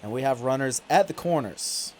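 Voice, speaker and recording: A man narrates his video game playthrough like a casual sportscaster, keeping an easy pace as he follows each play. He breaks into loud, indignant complaints over the calls he disagrees with. His voice sits in a middling range, with some faint background noise behind it. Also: medium pitch, animated, moderate pace. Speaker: gaming YouTuber.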